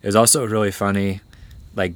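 A man talking casually on a podcast, relaxed and trailing off with lots of fillers. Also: lowish voice, a little fast. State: groggy from cold medicine. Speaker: podcast guest. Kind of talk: casual chat.

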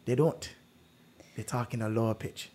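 A man with a mid-range voice and moderate pace hosts a relaxed true-or-false quiz, with a little hiss or hum in the recording. He spins animated stories full of "like" fillers.

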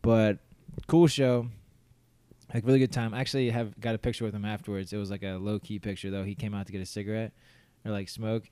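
A young man co-hosts a casual podcast, telling rambling stories packed with fillers and restarts, laughing often and acting out his own thoughts. His voice is lowish and mellow, with flat delivery, a fairly quick pace and no echo.

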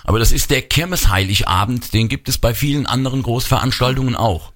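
A man's voice: mid-range voice, brisk, a bit bright. A man, chair of a showmen's association, steadily explaining as a radio guest. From Bad Kreuznach region.

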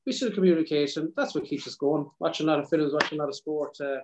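Fast-talking man with a west of Ireland accent. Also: a little high, steady tone, background noise. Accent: South Mayo, west of Ireland. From County Mayo, Ireland. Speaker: podcast guest, country singer. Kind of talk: casual interview chat over video call. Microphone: video call.

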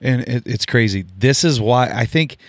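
A man's voice: mid-range voice, normal speed, dry recording. Earnest man interviewing, dry sound. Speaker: interviewer, broadcaster. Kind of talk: conversational interview.

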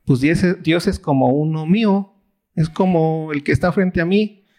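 Mexican pastor, chatty preaching. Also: male voice, normal speed, a little mellow. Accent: Mexican Spanish. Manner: conversational, asks the audience rhetorical questions; acts out quoted voices with big pitch swings. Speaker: pastor teaching a Bible study. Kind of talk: casual sermon.

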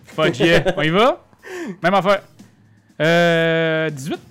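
A man's voice: a little high, slow, fairly bright tone, smooth, soft background music. A man with a Quebec French accent playing a tabletop game, eager and joking, laughing as he goes. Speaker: player.

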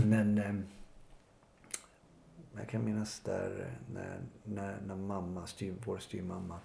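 A low, gravelly man recounts his past in an interview, pausing often and reflecting as he goes. His voice is dark and mellow. The recording sits in an echoey room with a faint hiss of noise behind it. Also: lively intonation. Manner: halting, reflective, many pauses and fillers. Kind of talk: personal life story interview.

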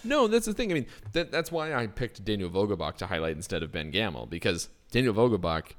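A man co-hosting a fantasy baseball podcast in casual chat, animated and laughing often. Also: lowish voice. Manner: animated, laughs often, quick bursts of enthusiasm.

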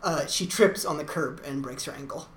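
A woman's voice: deep voice, moderate pace. A woman co-hosting a podcast, dryly retelling a TV episode in casual chat. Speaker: podcast co-host. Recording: echoey room, faint hiss.

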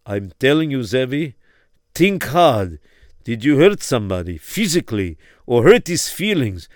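A man's voice: mid-range voice, big pitch swings, dry recording, studio quality. A man playing a stern, solemn rabbi. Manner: grave and insistent, slows for emphasis. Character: stern, solemn male rabbi advising a father.

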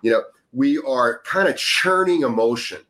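A man's voice: mid-range voice, expressive, moderate pace, a bit bright. A man speaking earnestly in a casual podcast conversation, coaching listeners on breathing, sometimes growing emphatic. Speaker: breathwork guest.

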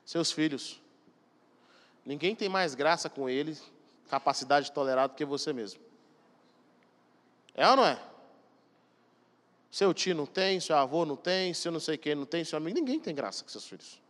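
A man delivers a sermon with emphatic conviction and keeps turning to the congregation with direct questions. His voice sits a little on the high side. It rings out through a church hall with a long, lingering reverb. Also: animated, moderate pace, long pauses, a bit bright. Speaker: pastor.

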